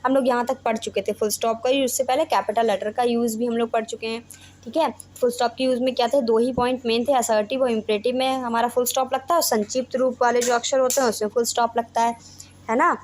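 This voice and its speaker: A woman's voice: a little high, steady tone, fast talker, a little mellow, a little hiss or hum. A young Indian woman teaching a grammar lesson, explaining step by step and often checking in with her students. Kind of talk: Hindi-English grammar lesson.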